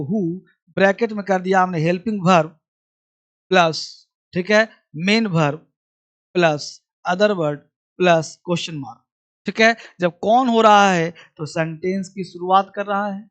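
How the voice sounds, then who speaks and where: A man's voice: high-pitched, a bit bright. Male grammar tutor, exam coaching, familiar with students, repeats lines for dictation. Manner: repeats key points like dictation; addresses students familiarly as son and kid. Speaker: English grammar teacher. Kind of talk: exam-prep lesson.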